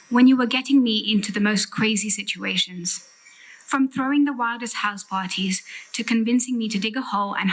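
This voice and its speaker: A middle-aged woman delivering a prepared farewell speech with heartfelt, emphatic and deliberate phrasing. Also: fairly high pitch, a bit bright, low-quality recording. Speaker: sister giving a farewell eulogy.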